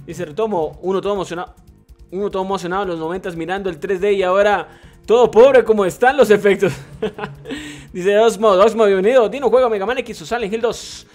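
Excitable high-voiced male streamer. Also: brisk, faint music behind. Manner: excitable, swearing, laughing, mixing English slang; reads chat messages aloud. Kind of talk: live gameplay commentary.

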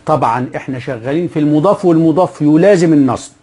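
Egyptian man teaching grammar, husky voice. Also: fairly high pitch, warm tone. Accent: Egyptian Arabic. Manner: asks questions and answers them himself; slows down to spell out example phrases. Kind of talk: grammar lesson.

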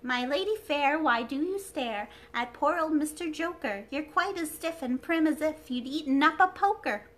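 A woman's voice: sits high, lively intonation, normal speed, few pauses, a bit bright, pitched above the performer's own voice. A woman reading a storybook aloud, voicing a cheeky little china clown man who talks in rhymes. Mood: saucy. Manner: cheeky, rhyming and jolly.

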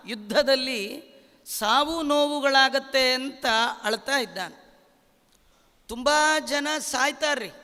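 A man with a very high, bright voice gives a devotional discourse. He speaks slowly and emphatically, pausing on rhetorical questions. A long hall reverb trails each phrase. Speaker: religious teacher.

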